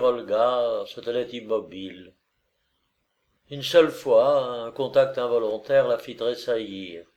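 A man reading a novel aloud in a measured, even manner. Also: mid-range voice, dull audio. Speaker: narrator. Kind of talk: scripted narration.

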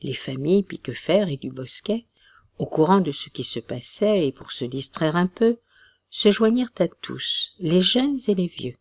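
A narrator reading a classic storybook tale at a slow, measured pace. The voice sits mid-pitch for its kind. The sound is dry and close, with no room around it. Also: expressive, gravelly, no echo.

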